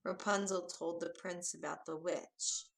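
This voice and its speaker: A woman narrating a fairy tale for English learners, reading slowly, clearly and expressively. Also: lowish voice, fairly even intonation, poor audio.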